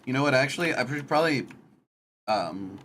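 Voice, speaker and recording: A woman livestreaming games in casual chat, with a playful, dramatic, expressive gamer manner. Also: rumbling low, a little fast, background noise.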